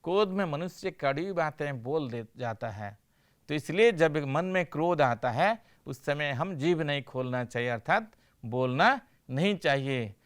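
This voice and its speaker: A man's voice: on the high side, expressive, clear, resonant tone. A middle-aged male teacher giving a classroom lesson, asking questions and then answering them himself with brief praise. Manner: slow, questioning, answers his own questions with "हाँ" and praise. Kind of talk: classroom lecture.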